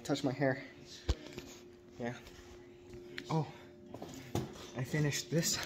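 A man's voice: medium pitch, drawn-out words, noisy background. A young man filming himself on a phone for a missionary vlog, chatting casually and joking as he goes. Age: young adult. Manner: excitable, joking, self-mocking. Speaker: missionary vlogger. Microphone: phone held at arm's length.

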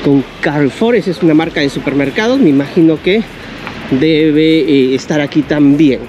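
A man's voice: on the high side, normal speed, lo-fi sound. A middle-aged man narrating a walking travel vlog, chatty and upbeat, talking to his viewers while holding the camera at arm's length. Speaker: travel vlogger. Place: outdoors by a street, then inside a large mall. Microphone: action camera held at arm's length. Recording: loud street and crowd noise. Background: traffic and crowd ambience.

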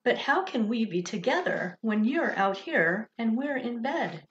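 Curious storybook kid, voiced by a woman: anxious, questioning, very animated intonation, lo-fi sound. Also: a little high, measured pace, slight background noise. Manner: questioning, wide-eyed, eager. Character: curious, anxious young twin children, boy and girl. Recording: dull, lo-fi sound.

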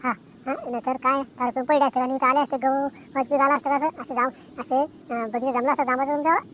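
A woman with a high, slightly bright voice speaks quickly and steadily, playing a talkative, bragging village man in an amateur cartoon comedy. She is emphatic and repetitive, with a rural Maharashtrian accent, and sounds chatty and animated. The recording has noticeable background noise.

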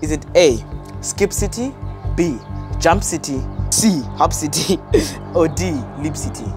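A man's voice: on the high side, unhurried. A young man presenting casually, like a quizmaster explaining and prompting. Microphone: lapel mic. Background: background music.

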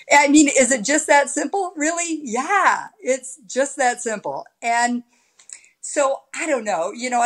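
Animated woman in her sixties, video call. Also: on the high side. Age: 60s. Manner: animated storyteller with big hand gestures. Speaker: podcast guest. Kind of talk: casual interview chat. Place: home room with high ceiling. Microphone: laptop webcam on a video call.

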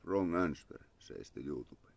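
A young Finnish man livestreams from his yard, seated under a parasol, with a phone camera held at arm's length. His bass voice is gravelly and expressive at a normal pace, and the recording sounds dry. He chats casually in a Finnish accent, thanking followers and talking quietly to himself.

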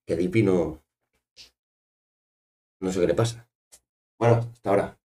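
A man's voice: low voice, unhurried, mellow. A man, chatting playfully on a live stream as he draws, repeating himself and bossing a toy around. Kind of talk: casual live-stream chat while drawing.

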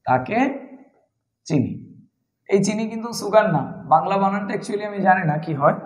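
A man with a fairly high voice teaches a beginner English class. He works through each point patiently and spells words out letter by letter. The sound has a roomy echo. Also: fairly bright tone. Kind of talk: spoken English lesson.

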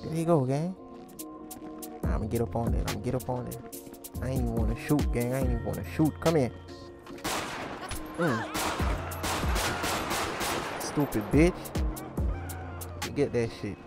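A gaming YouTuber plays a crime role-play series, giving laid-back, slang-heavy commentary and calling his viewers gang. His mid-range voice moves at a moderate pace with vocal fry and frequent pauses, over music.

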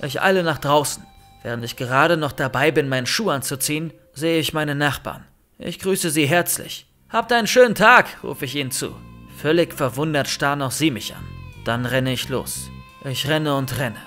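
Bright-voiced man narrating a horror story. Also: mid-range voice, moderate pace. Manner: expressive, lively storytelling. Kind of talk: scripted first-person horror story narration. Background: faint music.

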